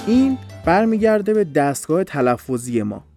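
A man's voice: fairly high pitch, very animated, darkish tone, faint music behind. A man explaining pronunciation in a patient, step-by-step podcast lesson. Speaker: English teacher.

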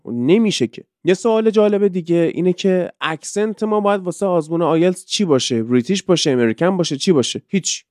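A man's voice: fairly high pitch, a little mellow, no echo, clean studio sound. A man from Iran who teaches English, hosting a casual podcast and explaining things through rhetorical questions.

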